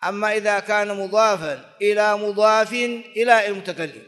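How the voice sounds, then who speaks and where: High-voiced man teaching grammar in a hall. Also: fairly quick, a bit bright. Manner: repeats example forms over and over, chants verse lines. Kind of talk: classical grammar lesson, explaining and reciting verse. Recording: long reverb of a large hall.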